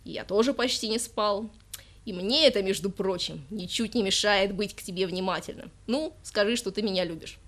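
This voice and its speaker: A woman's voice: medium pitch, lightly acted. A woman doing a drunk, pompous male poet. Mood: pompous sulking. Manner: whiny, loud, drawn-out self-important rants.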